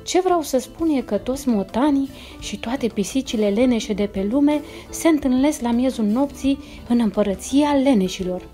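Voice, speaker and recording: A woman's voice: high voice, animated, few pauses, warm tone, soft background music. A woman voicing a sly, scheming female neighbor cat in a children's storybook. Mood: coaxing.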